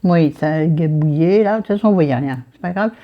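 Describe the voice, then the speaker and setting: Low-pitched and fairly quick, a woman with a southern French accent talks about a book as she applies makeup at her dressing table, wandering off topic and muttering to herself. She's a book vlogger recorded by a camera aimed at her mirror, and the highs are cut off.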